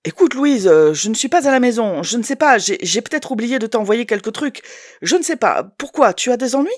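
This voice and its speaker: A woman's voice: a little high, animated, brisk, voice pushed up. A woman voicing a defensive, lecturing ex-partner man in an audiobook. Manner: reproachful, condescending.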